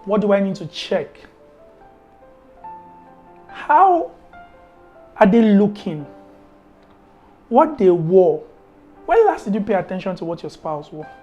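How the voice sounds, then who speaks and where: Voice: medium pitch, big pitch swings, takes it slowly, pauses often, darkish tone, highs cut off, faint music behind. A podcast host giving faith-based marriage advice, emphatic, repeating key words and firing off strings of rhetorical questions.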